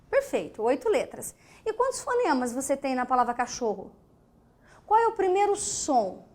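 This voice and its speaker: A woman's voice: high-pitched, a little mellow. A woman teacher with a Brazilian Portuguese accent, giving a lesson on phonetics, asking her students questions and counting letters aloud. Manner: asks the class questions and counts aloud slowly; sounds out letter sounds in short breathy bursts. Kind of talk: classroom lesson explaining phonetics.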